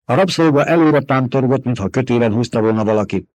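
A man reading an audiobook in measured, even storytelling narration. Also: medium pitch, dry recording. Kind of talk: scripted narration.

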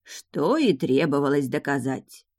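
A woman reading the part of a stern old grandmother who is a powerful high witch, speaking slowly and with command. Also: sing-song, a little mellow, dry recording, studio quality, heavily acted. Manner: slow, measured, commanding.

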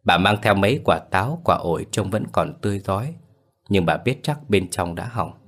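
Deep-voiced man narrating a ghost story. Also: expressive, normal speed, fairly bright tone.

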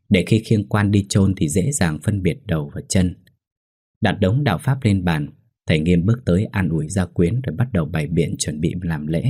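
A man narrating a ghost story in a steady, measured scripted telling. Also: deep voice, husky.

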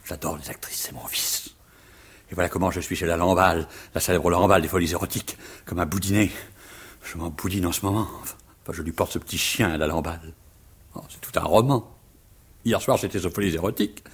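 A husky, flustered provincial teacher. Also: male voice, low voice, fairly even intonation, quick pace. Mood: confiding. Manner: stammering, fussy, rambling. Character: flustered middle-aged provincial rhetoric teacher. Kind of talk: 1950s stage comedy.

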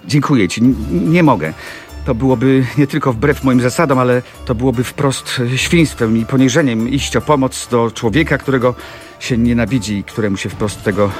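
A man's voice: mid-range voice, moderate pace, faint music behind, voice pushed up, close to an everyday voice. A man voicing a ruined young mill owner who speaks with bitterness and wounded pride, in an audiobook reading of a classic novel. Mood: bitter. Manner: bitter, despairing, proud.

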